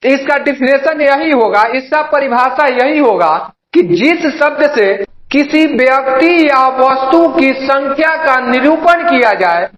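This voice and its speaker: Expressive and unhurried, a young man from Bihar, India, teaches grammar online in a very high, slightly bright voice. The low-quality recording carries an echoey room sound as he cycles through asking and answering his own questions and calls the students "babu."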